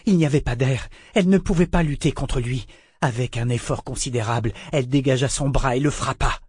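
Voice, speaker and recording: Male audiobook narrator, measured and steady, mid-range voice, dry close recording. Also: medium pitch, husky, no echo. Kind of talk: scripted narration.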